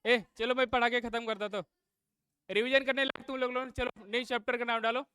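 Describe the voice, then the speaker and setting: High, bright-voiced male teacher scolding class. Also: level tone, a little fast, clear, resonant tone, no echo. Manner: drills class with call-and-response questions, scolds noisy students. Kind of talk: live classroom lesson.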